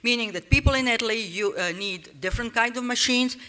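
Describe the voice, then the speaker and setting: A woman's voice: fairly high pitch, fairly quick, pushed and bright. A woman from Serbia, giving an informal, rambling conference talk full of restarts and "you know" asides. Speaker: speaker at a conference panel.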